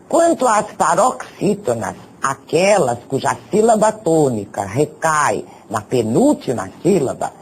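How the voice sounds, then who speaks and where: Male teacher, husky voice, lively up and down pitch, reads out examples one at a time. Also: low-quality recording. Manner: deliberate, spells out examples one by one. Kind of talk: recorded grammar lesson.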